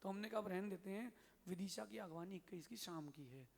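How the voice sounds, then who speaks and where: A man, a Jain monk, giving a sermon and telling a story in a lively way, acting out the characters' lines. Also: high-pitched, fairly quick, gravelly. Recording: long hall reverb.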